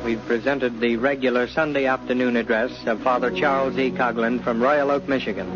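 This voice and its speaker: Male station announcer, formal and measured, old 1930s radio sound, muffled with music playing behind. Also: mid-range voice, steady tone. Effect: old 1930s radio broadcast.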